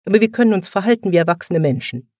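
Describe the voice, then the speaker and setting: A man reading aloud voices a sharp-tongued older sister who mocks and reproaches her brother. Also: sits high, lively intonation, very fast, no echo, clean studio sound, pitched above the performer's own voice. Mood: scornful. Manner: mocking, reproachful.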